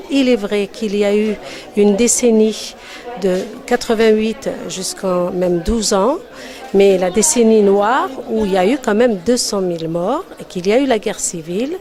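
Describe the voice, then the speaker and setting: A woman speaks at an average pitch as an interview guest. She gives her testimony emphatically and insists on her points. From Algeria. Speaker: interview guest, former university teacher.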